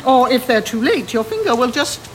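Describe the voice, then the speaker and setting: An actress playing a brisk, bossy, sharp-tongued older woman who runs a small airline, in a radio sitcom. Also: high voice, very animated. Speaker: airline owner.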